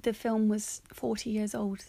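A woman's voice: mid-range voice, flat delivery, unhurried, creaky, warm tone, no echo. A woman co-hosting a casual film review chat, talking through her notes with frequent laughter. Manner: chatty, reads out her notes, often laughs. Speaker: podcast co-host.

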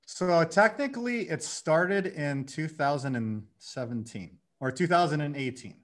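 A man in his thirties, a guest on a podcast, telling his story in a lively way and acting out his own inner dialogue. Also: on the high side, measured pace. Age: 30s. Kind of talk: casual conversation.

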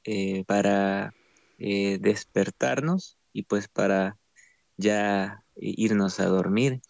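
A young man from El Salvador with a Salvadoran accent, sharing his faith testimony as a guest, in a slow, halting way with many fillers. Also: fairly low pitch, steady tone, creaky, a little mellow, no echo. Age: young adult. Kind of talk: testimony interview.

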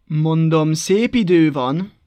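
Male reader as a fussy storybook hare, courteous gone cross, a touch higher, dry close sound. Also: dry recording, lightly acted. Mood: polite. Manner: stiffly polite, then scolding. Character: prim, touchy male hare, quick to anger.

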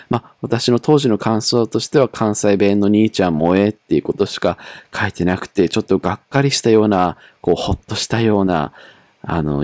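A man's voice: deep voice, darkish tone, no echo. A young man from Japan chatting casually and with self-mockery as he looks back over his old diary, with many fillers.

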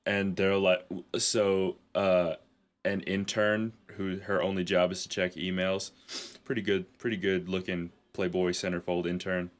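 A man's voice: low voice, level tone, a little slow. A man co-hosting a comedy podcast, rambling through a profane, laughing story. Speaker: podcast co-host.

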